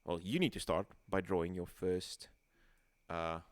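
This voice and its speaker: A man guiding a casual streamed tabletop game, rambling and halting with many restarts. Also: sits low, no echo, clean studio sound. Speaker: game facilitator.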